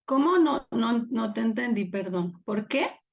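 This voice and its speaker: A woman's voice: fairly high pitch, animated, unhurried, creaky, highs cut off. A woman teaching a live online class, encouraging and upbeat as she calls on students by name over a video call. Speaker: Biblical Greek teacher.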